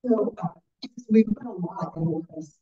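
A man's voice: high-pitched, measured pace. A man giving a public lecture through a muffled, garbled headset mic that makes him sound underwater, talking in a rambling, hesitant way. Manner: rambling, hesitant delivery with fillers and restarts. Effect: muffled, garbled headset-style mic pickup that sounds underwater. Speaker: guest lecturer. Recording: muffled lo-fi mic, far off in an echoey room.

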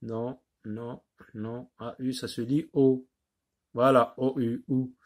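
Man, teacher, phonics lesson for children, very slow, patient, repeats words. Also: mid-range voice, level tone.

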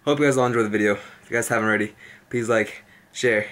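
A man's voice: fairly low pitch, level tone, fast, fairly bright tone. A man chatting casually to his viewers in a home vlog. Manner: casual, talks straight to viewers. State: out of breath. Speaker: fitness vlogger.

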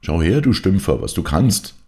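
A man's voice: a bass voice, sing-song, normal speed, gravelly, darkish tone, exaggerated voice. A man voicing a cheeky, impulsive young male piano pupil who speaks snippily in a spoken story reading. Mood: indignant. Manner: snippy, pleading.

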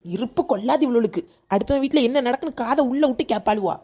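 A theatrical, teary village wife, played by a woman, speaks with a Kanyakumari Tamil accent. Her voice is high and she complains with mock sorrow. It suits a rustic comedy sketch. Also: expressive, fast talker, dark tone, breathy edge. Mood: grumbling. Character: melodramatic wife seeing husband off abroad.

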